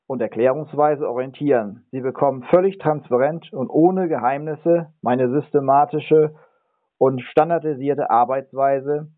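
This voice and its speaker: Middle-aged guy explaining his consulting channel, earnest, lists points, little slips, sounds like over the phone. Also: medium pitch. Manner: occasional slips and self-corrections. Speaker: energy and building consultant. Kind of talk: self-recorded channel introduction. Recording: narrow, phone-like audio.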